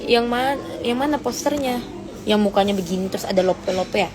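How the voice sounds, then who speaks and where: Hosting a casual livestream from her phone, a teen girl reads comments and teases viewers playfully, her voice shooting up when she's mock-outraged. She talks briskly over a noisy background.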